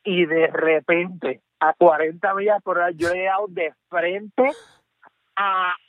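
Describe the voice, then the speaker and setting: A Puerto Rican man calling into a show, telling a story in an animated way and repeating "te lo juro" and "¿ok?". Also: high-pitched, slow, no room sound. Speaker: caller. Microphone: phone. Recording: tinny dry phone line.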